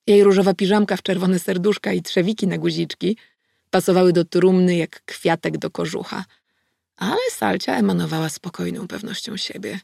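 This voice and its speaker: A woman reading a first-person audiobook in a measured, wry storytelling manner on a close mic. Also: lowish voice, steady tone, vocal fry, a little mellow, no room sound. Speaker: audiobook narrator.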